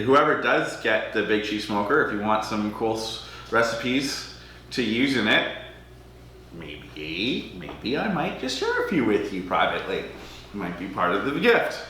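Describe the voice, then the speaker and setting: A man's voice: on the low side, sing-song, a little slow, bright, forceful tone, slight background noise. Chatty man hosting a charity auction, echoey room. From Alberta, Canada. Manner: chatty, self-deprecating, hesitant with many ums. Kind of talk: casual livestream auctioneering.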